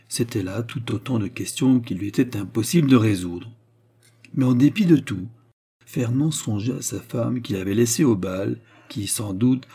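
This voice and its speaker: Husky, dark-voiced male audiobook narrator. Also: mid-range voice. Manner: calm, measured and literary. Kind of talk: audiobook narration of a classic novel.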